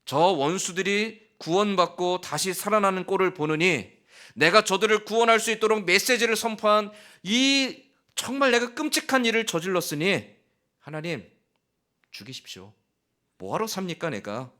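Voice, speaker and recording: A man's voice: fairly high pitch, fairly bright tone. A man voicing an angry, bitter male prophet who rants at God in anguished outbursts.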